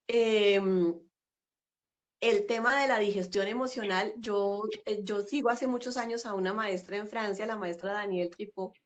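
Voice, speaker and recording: A middle-aged woman, talking reflectively as a guest in an interview over a video call. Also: medium pitch. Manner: warm, reflective, with frequent fillers and laughs. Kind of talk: casual interview conversation.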